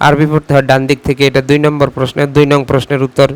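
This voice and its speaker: A man's voice: mid-range voice, monotone, racing, clear, resonant tone, no echo. A man with a Bangladeshi Bengali accent teaching a class, repeating questions for dictation and spelling out letter sounds one by one.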